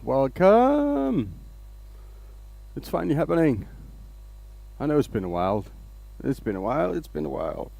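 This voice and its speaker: A man's voice: on the high side, big pitch swings, moderate pace, creaky, pauses often, mellow. A man from Denmark, hosting a casual woodturning livestream, rambling along and greeting viewers by name.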